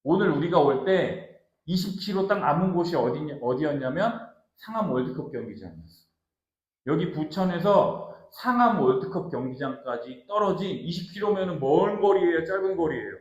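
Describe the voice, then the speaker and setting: A male pastor giving an animated sermon to a small family congregation, quizzing his listeners as he goes. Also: fairly high pitch, normal speed, dull audio. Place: small office used as a church. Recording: roomy echo.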